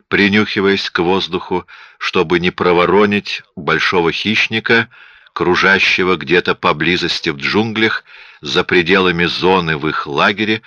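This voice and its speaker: A man reading a story as an audiobook narrator, in a steady even delivery, on dull lo-fi audio. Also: low-pitched, no echo. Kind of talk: scripted narration.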